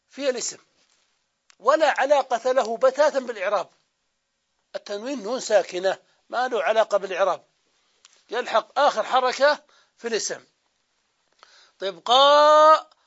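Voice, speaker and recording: Saudi man teaching grammar, high voice. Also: a bit bright, dull audio. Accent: Saudi Arabian. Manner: explains step by step, asking and answering his own questions; drawls out example words slowly. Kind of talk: classroom grammar lesson.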